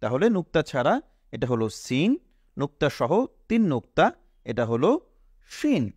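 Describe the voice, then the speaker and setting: A man's voice: mid-range voice, sing-song, moderate pace, a little mellow, no echo, clean studio sound. A man teaching the Arabic letters in a patient lesson, quizzing the viewers and stressing each letter name. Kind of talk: Quran alphabet lesson.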